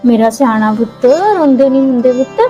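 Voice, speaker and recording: A woman playing a caring mother who gently coaxes and consoles her daughter in an amateur short film, repeating endearments. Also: on the high side, fairly even intonation, brisk, natural voice. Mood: soothing. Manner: soothing, coaxing, repeats endearments. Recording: dull lo-fi sound, faint music.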